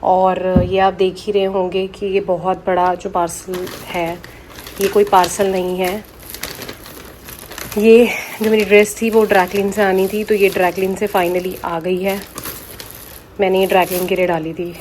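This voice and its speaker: A woman's voice: medium pitch, flat delivery, measured pace, darkish tone, a little hiss or hum, rough recording. A young woman, chatting casually and at length to her vlog viewers from home. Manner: chatty, rambling, talks straight to viewers. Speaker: family vlogger.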